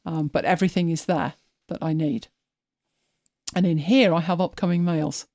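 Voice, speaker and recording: A woman's voice: sits low, fairly even intonation, normal speed, a little mellow, no echo, studio quality. Chatty woman hosting a live stream. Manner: chatty, thinks aloud with frequent restarts. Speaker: host. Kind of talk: casual live-stream screen-share walkthrough.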